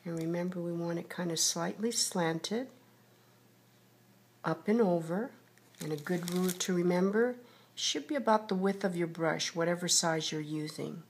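A woman's voice: lowish voice, normal speed, breathy edge. A woman giving a step-by-step painting tutorial, patiently narrating each brushstroke as she works, like a TV painting instructor. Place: indoors at a table.

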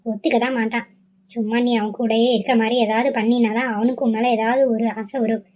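A woman voicing a bossy, scheming middle-aged mother who talks low and nags insistently, in a cartoon. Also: level tone, fairly quick, darkish tone, close to an everyday voice. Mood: nagging, scheming. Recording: slightly dull lo-fi audio.

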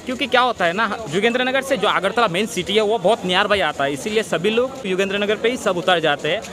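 This is a casual walking vlog recorded on a phone outdoors: a man in his thirties from Tripura, India, tours a busy railway station amid crowd chatter and passing traffic. High-pitched and quick-talking, he keeps things chatty and easygoing as he guides the viewer.

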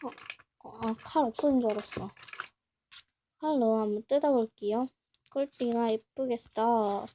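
A young woman vlogger chatting casually as she opens a package, talking to herself and gushing with excitement. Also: a little high, unhurried, pauses often, a little hiss or hum. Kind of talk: casual unboxing chat.

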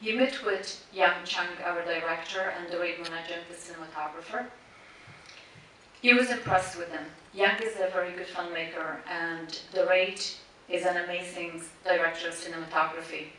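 On a large cinema stage, a woman whose native tongue is Persian delivers a prepared memorial speech to introduce a tribute screening. Her lowish voice is steady in tone yet pushed and bright, and she pauses deliberately between listed words. She speaks into a stand mic, but a far-off camera among the audience recorded it, so it sounds echoey with faint hiss.

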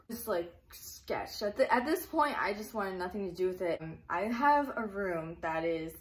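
A young woman telling a personal story in a casual, chatty way, full of fillers. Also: fairly low pitch. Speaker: YouTuber.

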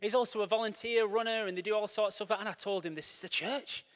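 A man giving a jokey, animated church talk, breaking into coaching shouts. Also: high-pitched, quick pace. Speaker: church speaker. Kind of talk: lively sermon with props and audience. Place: church hall. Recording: long hall reverb.

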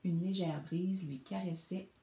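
A woman reading a children's storybook aloud, in an expressive, animated storytelling manner, recorded in an echoey room. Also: lowish voice, unhurried, creaky, background noise. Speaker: reader.

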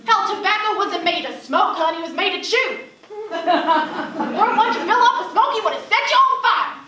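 In a distant, echoey, noisy theater recording from a far camera, a young adult student actress performs a stage monologue with an extremely high, animated voice at normal speed over crowd noise. She plays a brash, fed-up rodeo cowgirl with a Southern US accent, salty and folksy, emphatic and scornful.

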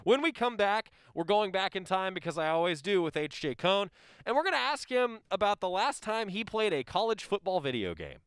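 A man's voice: high voice, very animated, brisk, fairly bright tone, smooth, no room sound. A man hosting a casual sports talk show on a headset mic in a studio. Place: small sports radio studio.

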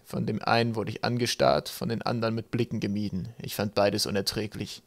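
A man voicing a gloomy, scarred male ship's mate who talks sullenly, low and slow. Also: fairly even intonation, creaky, no echo. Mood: bitter.

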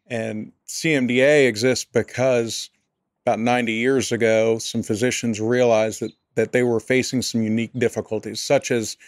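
A pastor who is also an area director answers interview questions as a podcast guest, his medium-pitched voice level and his pace normal with no echo. He comes across as earnest and thoughtful, often restarting his sentences.

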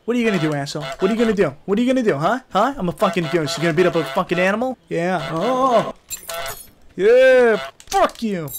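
A young man commentating a game in a rowdy, profane way, yelling taunts at the characters. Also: high voice, expressive, brisk, a crowd in the background. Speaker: gaming YouTuber.

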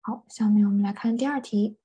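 A woman's voice: mid-range voice, steady tone, a little fast, dark tone, husky. A woman teaching an English vocabulary lesson, patiently repeating each word and translating it with many fillers. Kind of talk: vocabulary lesson explaining words.

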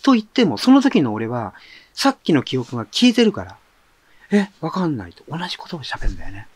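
A man's voice: medium pitch, wildly swooping pitch, quick pace, slightly rough, no echo. A middle-aged man hosting a monologue show, telling a story in a casual, conversational way. At times he drops to a murmur. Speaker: author and monologue host.

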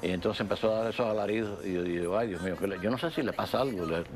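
A pianist telling animated stories in a documentary interview, acting out dialogue. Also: male voice, lowish voice, racing, over music. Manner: animated storyteller, acts out dialogue.

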